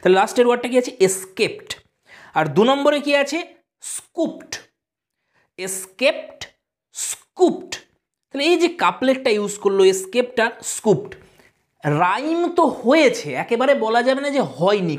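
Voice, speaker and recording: A woman's voice: medium pitch, very animated, moderate pace, a little mellow. Woman teacher explaining poetry for an online class, voice goes up and down a lot, asks then answers herself. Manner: explains step by step, asks and answers her own questions. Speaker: English literature teacher. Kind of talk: online video lesson.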